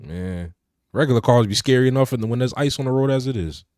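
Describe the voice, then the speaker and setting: Talking cars on a podcast he co-hosts, this young man keeps things relaxed and loose, leaning on "you know" again and again. He speaks fast in a mid-range voice with a darkish tone, captured cleanly in the studio without any room sound.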